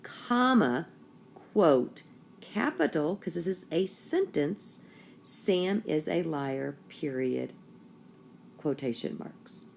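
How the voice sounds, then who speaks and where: A woman's voice: low voice, very animated, slow, vocal fry, darkish tone, slight background noise. A woman teacher giving a classroom writing lesson, dictating sentences word by word with the punctuation spoken aloud. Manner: explanatory, often checking with "okay?". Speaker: school teacher.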